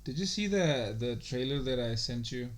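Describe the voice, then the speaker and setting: Co-hosting a podcast, a man with a mid-range, animated voice chats at normal speed. He rambles casually, swearing a lot and leaning heavily on "like" and "you know".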